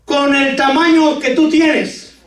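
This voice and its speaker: A man preaching a lively sermon to his congregation with jokes, sudden shouts and talk of brothers. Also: very high voice, slow. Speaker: pastor. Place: church hall. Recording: echoey church hall from far off.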